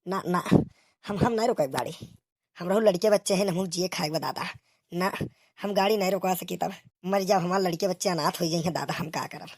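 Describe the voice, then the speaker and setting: Speaking a little fast in a low, darkish voice, a woman plays bickering village policemen in a comic cartoon. The dry recording carries her eastern Uttar Pradesh accent and the exclamatory, colloquial, grumbling banter of the rustic dialogue.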